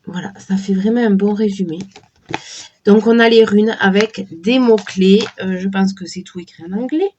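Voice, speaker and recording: A woman with a cold and a sore throat, slowly and hesitantly chatting while showing a deck of oracle cards. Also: medium pitch, a little mellow, dull audio, a little hiss or hum. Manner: slow, hesitant, many fillers and restarts. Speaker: tarot and oracle card reviewer. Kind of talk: casual unboxing chat.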